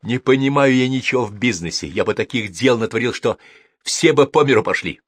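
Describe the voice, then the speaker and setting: A man's voice: mid-range voice, lively intonation, fairly quick, dry recording, studio quality, voice pushed up, natural voice. A man voicing a hot-tempered older brother who speaks with bitter, scornful anger. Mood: angry bitter. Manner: angry, shouting, scornful.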